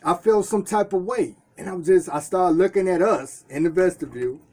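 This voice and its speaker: A little fast and a little mellow, this high-sitting male voice belongs to a store owner from Detroit. Filming himself inside the shop, he chats earnestly to the camera and keeps restarting and repeating phrases.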